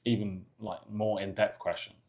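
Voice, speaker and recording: Gravelly young London-area man. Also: on the low side, flat delivery, moderate pace, a little mellow. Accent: English, London area. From England, near London. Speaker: soccer player, podcast guest. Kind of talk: casual interview chat.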